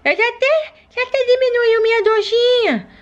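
A woman's voice: very high-pitched, moderate pace, muffled recording, pitched above the performer's own voice. A woman voicing a sick, clingy little baby girl, cooing and whining in a doll play video. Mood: cooing content. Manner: babyish lisping coos and suckling hums.

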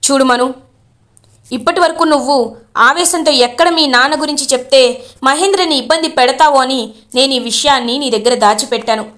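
A woman's voice: high voice, fairly quick, a bit bright. Woman playing a firm, stern mother. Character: stern mother revealing a family secret.

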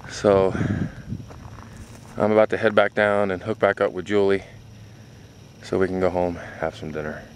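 A man's voice: low-pitched, normal speed, long pauses, clear, resonant tone, poor audio. A middle-aged man filming himself on a hike, talking casually and rambling to the camera as he walks on an open mountain top. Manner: relaxed, rambling, talks to camera while walking. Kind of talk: casual spoken hiking commentary. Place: outdoors on a windy mountain top. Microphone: handheld camera mic. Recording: loud wind noise on camera mic.

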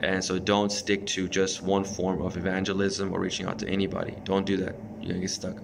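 A man's voice: low voice, monotone, fairly quick, creaky, noisy background. A man in his thirties giving an informal sermon to camera from a small bedroom, earnest and exhorting, with many restarts and fillers. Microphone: phone or webcam close up.

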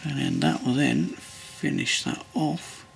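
A man's voice: a little high, takes it slowly, creaky, a little hiss or hum. A man casually narrating a model-building tutorial at his workbench, rambling and hesitant with many ums and restarts. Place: hobby workbench indoors.

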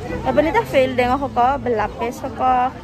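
A woman's voice: high voice, steady tone, fast talker, crowd noise. A young woman, chatting casually to viewers on her vlog while talking through a face mask, slipping English words into her talk. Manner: chatty, addresses viewers directly, mixes in English. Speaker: vlogger. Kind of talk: casual vlog chat to camera. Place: outdoors at a market and by a car. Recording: loud background music.

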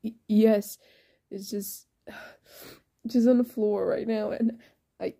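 A woman's voice: medium pitch, steady tone, slow, creaky, dark tone. A woman voicing a young male character who stammers and swears in a panic. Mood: panicked.

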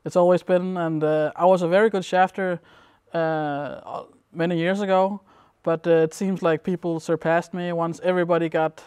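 A young man from Denmark, a competitive gamer, answering interview questions in a relaxed, rambling way with plenty of fillers. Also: fairly high pitch, moderate pace, clean tone, dry recording. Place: dim indoor room at a gaming event.

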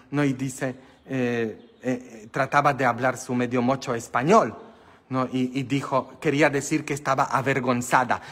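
A man's voice: mid-range voice, a bit bright. A priest whose first language is not Spanish, giving a humorous sermon and quizzing his congregation. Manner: joking, questioning the congregation. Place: church, live-streamed Mass. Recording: long church reverb.

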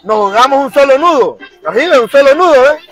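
A man's voice: very high voice, lively intonation, brisk, fairly bright tone, soft background music, rough recording. A man with a Honduran accent ranting as a football fan vlogger, fired-up and crude, repeating himself. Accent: Honduran Spanish. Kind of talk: angry fan rant to camera.

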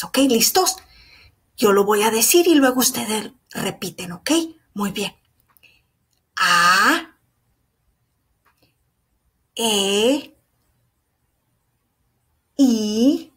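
A young woman teaching young children, speaking in, in a slow, sing-song, encouraging way. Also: fairly high pitch, husky. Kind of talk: children's lesson.

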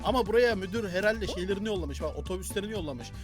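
A young man doing loud, joking gameplay commentary and talking back to the game characters as he plays. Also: high-pitched, lively intonation, rapid-fire, soft background music. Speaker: gaming YouTuber.

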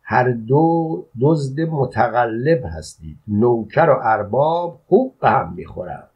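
A man's voice: mid-range voice, lively intonation, breathy edge. A man doing an insolent, indignant rude visitor. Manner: insolent, defensive outrage. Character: rude, indignant male visitor who spits. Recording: dull lo-fi audio.

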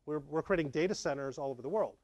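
Talking fast in a slightly high voice, a middle-aged man delivers a lively, conversational meetup tech talk with slides, acting out examples along the way. The setting is a dark meeting room with a projector; the recording is muffled but free of echo.

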